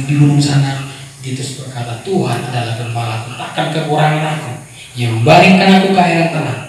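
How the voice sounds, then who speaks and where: A man preaching a sermon at a youth church service, animated, asking rhetorical questions and acting out scolding voices. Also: medium pitch. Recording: echoey hall, far from mic, faint noise.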